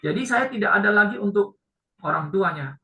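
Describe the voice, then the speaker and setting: A male pastor preaching a sermon who tells stories with animation and raises his pitch to act out the people he quotes. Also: expressive, brisk, sharp tone, roomy sound, dull audio.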